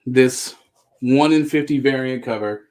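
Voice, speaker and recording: A man hosting a live comic book sale, running through items with upbeat, joking pitchman patter. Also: measured pace, darkish tone, a little hiss or hum. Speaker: host selling comics on a live stream. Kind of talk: live sales chat.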